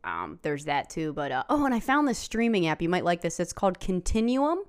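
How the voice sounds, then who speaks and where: A woman's voice: on the low side, very animated, fairly quick, clean tone. A woman co-hosting a podcast, chatting casually, blunt and rambling, swearing often. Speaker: podcast co-host. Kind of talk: casual chat.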